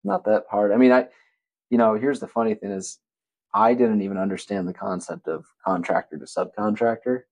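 A man's voice: lowish voice, a little fast, no room sound, rough recording. A man from Wisconsin, a podcast guest, telling stories casually with lots of fillers and easy laughter. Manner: relaxed, chatty, laughs often, many fillers like "you know" and "like". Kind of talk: casual conversational storytelling.

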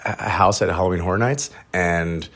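Man, very low voice, casual and apologetic interjection. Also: fairly bright tone. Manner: apologetic, quick aside. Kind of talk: casual chat.

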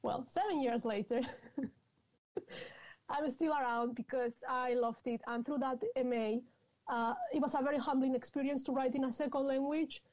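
Speaking English with a Spanish accent, this woman in her thirties from Spain is a guest author in a conversational interview, frank, chatty, and quick to laugh. Her high-pitched voice has a darkish tone, fairly even intonation, and a moderate pace, captured on a dull lo-fi recording.

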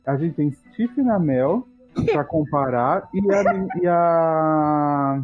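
A man's voice: fairly high pitch, expressive, slow, faint music behind. A Brazilian man joins a podcast chat with joking, teasing remarks. His voice comes through a narrow, tinny line that sounds like a phone call. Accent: Brazilian Portuguese. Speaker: podcast panelist. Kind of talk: casual panel chat.

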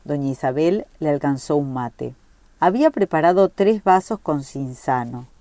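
A woman reading a short story aloud in a measured, reflective way. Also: deep voice, lively intonation, mellow, no room sound. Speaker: reader.

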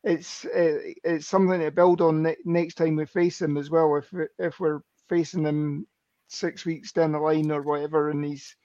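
Higher-voiced man, dull dry mic. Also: level tone, warm tone, dry recording. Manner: fast, detailed run-through of players and plays. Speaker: podcast co-host. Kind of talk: casual fan podcast analysis.

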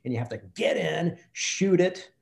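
A man's voice: a little high, animated, moderate pace, gravelly, a little mellow. A man, a film director, telling a behind-the-scenes anecdote in an interview and acting out the quoted exchanges. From Kentucky. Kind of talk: storytelling interview chat. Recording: roomy echo.

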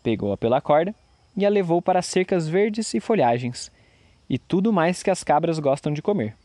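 A man's voice: on the high side, moderate pace, dry recording. Man reading a fairy tale, dry sound. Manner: expressive storytelling with voices. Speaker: narrator.

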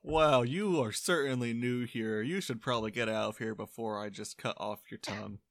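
A man's voice: medium pitch, moderate pace, creaky, a bit bright, dry recording, clean studio sound. A man voicing a hostile, mocking male town guard in a tabletop game, talking in a sneering, threatening way.

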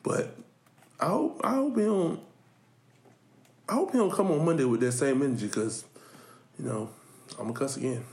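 Animated, laughing male podcast host. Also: medium pitch, normal speed, pauses often. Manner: animated storytelling, laughing, repeats words. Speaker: podcast co-host and school coach. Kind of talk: casual chat. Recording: echoey room.

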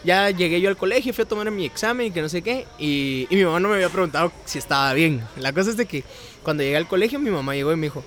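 A man's voice: high-pitched, quick pace, a bit bright, slight background noise. A young man with a Guatemalan Spanish accent telling a story in casual chat, acting out the quotes and laughing often.

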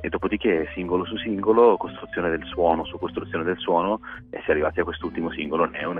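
A singer from Milan heard over the phone, talking in a relaxed, reflective way during a radio interview. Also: male voice, rumbling low. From Milan, Italy. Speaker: musician guest, singer. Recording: tinny phone line with faint music behind.

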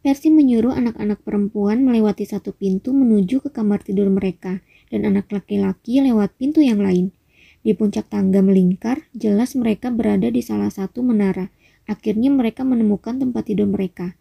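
A woman reads a storybook aloud at a steady, measured pace. Her voice is dark and mellow, with a gravelly edge and a husky grain. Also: medium pitch. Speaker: audiobook narrator. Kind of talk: audiobook narration.

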